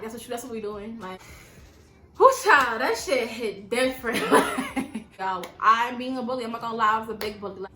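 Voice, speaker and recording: Bright-voiced young New woman. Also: a little high, reverberant. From New York. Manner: animated, slangy, profane, addresses viewers as y'all. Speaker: vlogger. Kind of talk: casual storytime.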